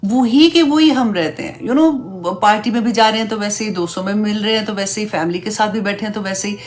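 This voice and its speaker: A woman teaching an Islamic class, slowly reciting Arabic prayer phrases and then explaining each one in an earnest, conversational way with English fillers mixed in. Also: mid-range voice, steady tone. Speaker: religious teacher.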